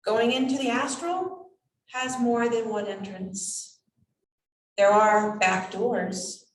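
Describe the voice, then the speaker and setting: A woman acting as a seance medium in trance, voicing a cryptic, whimsical spirit guide in halting, measured phrases. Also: a little high, fairly even intonation. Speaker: channeling medium. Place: indoors, draped room. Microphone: distant camera microphone. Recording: roomy echo, distant microphone.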